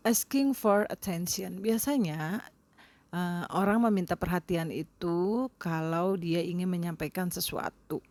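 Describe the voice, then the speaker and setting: Slow, low-voiced teacher. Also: female voice, a little mellow. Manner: unhurried, with frequent hesitation fillers. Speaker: English teacher. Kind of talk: casual classroom explanation.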